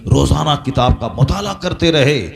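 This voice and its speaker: A man's voice: mid-range voice, animated, normal speed, gravelly. A man preaching a sermon, building his points through repeated refrains and rising to impassioned peaks. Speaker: Islamic preacher.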